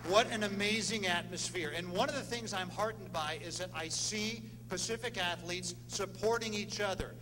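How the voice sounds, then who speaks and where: A former radio sports announcer gives an informal speech as presenter at a banquet ceremony in a large room. His high-pitched voice moves at a moderate pace with hardly any pauses, while a crowd murmurs in a noisy, echoing hall with hum.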